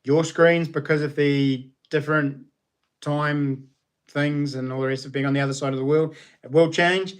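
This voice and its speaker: A man's voice: on the high side, steady tone, moderate pace, clean tone. A man with a broad New Zealand accent hosting a casual livestream, chatting to viewers in an informal, slangy, matey way. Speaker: livestream host.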